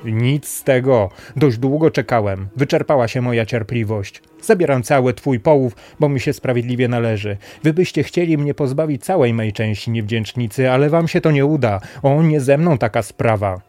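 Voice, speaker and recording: A man's voice: medium pitch, animated, a little slow, darkish tone, no room sound. A man voicing a greedy, menacing rich boat owner who scolds harshly. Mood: angry, scolding.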